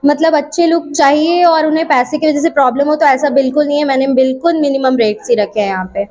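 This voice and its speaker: A woman with a high voice, the owner of a beauty studio, answers a reporter at her opening. She speaks in a friendly, promotional tone, pausing with small fillers. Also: darkish tone. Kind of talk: interview answers.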